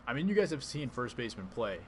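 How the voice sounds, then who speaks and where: In a mid-range, sing-song voice, a man talks fast while playing a baseball video game on a live stream, chatting with his audience and answering what they post. A little hiss or hum is audible.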